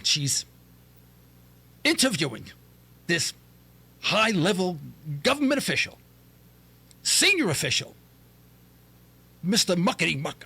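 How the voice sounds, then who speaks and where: A middle-aged man spins a comic story on his radio show with a high, lively voice that swoops all over. His tone is bright and a little husky. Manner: animated, jokey, mimics voices in falsetto. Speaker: talk radio host.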